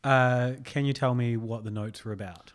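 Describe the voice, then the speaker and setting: A man co-hosting a podcast in casual chat, teasing and firing quick questions. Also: mid-range voice, steady tone. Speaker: podcast co-host.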